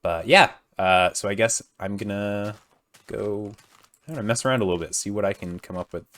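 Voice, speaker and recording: A young man talks through his gameplay in a deep, low voice that still sounds groggy from just waking up. He rambles casually, loses his thread, corrects himself and fills the gaps with ums and likes. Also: fairly quick, a bit bright. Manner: rambling, many fillers and self-corrections. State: groggy morning voice. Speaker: gaming video host.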